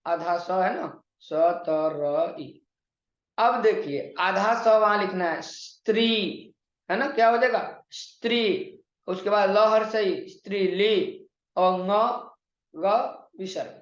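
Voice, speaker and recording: A man gives an online Sanskrit lesson, pronouncing words carefully and slowly for his students to copy down. The recording sounds roomy and somewhat dull, as if captured in a bare room on a modest mic. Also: high-pitched. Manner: slow, drawn-out enunciation of words; explains in Hindi with questions to students. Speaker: Sanskrit teacher. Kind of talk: online exam-prep lesson.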